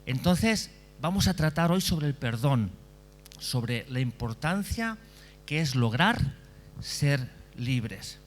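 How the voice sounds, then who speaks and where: A man's voice: medium pitch, lively intonation, slow pace, slight background noise. Chatty preacher man. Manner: conversational, often checks in with listeners and repeats phrases. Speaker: pastor. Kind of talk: sermon.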